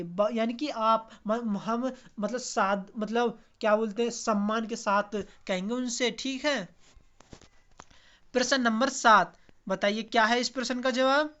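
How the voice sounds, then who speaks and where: A man's voice: very high-pitched, a bit bright. A man teaching an online exam practice lesson, asking viewers questions and answering them himself. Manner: quizzes viewers, repeats and answers own questions. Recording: dull lo-fi recording.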